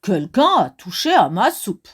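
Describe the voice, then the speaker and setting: A woman voicing a big father bear in a storybook reading, with a lowered, gruff voice. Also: sing-song, unhurried, a bit bright, heavily acted. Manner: low booming gruff voice.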